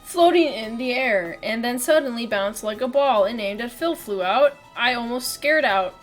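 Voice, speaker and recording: A woman's voice: fairly high pitch, expressive, normal speed, soft background music. A woman streamer reading a visual novel aloud, laughing and swearing between lines.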